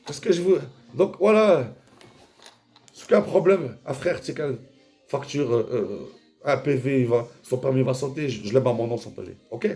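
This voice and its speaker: A man rambling in a casual, vulgar monologue, jumping between mumbles and shouts. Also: medium pitch, lively intonation, moderate pace, soft background music.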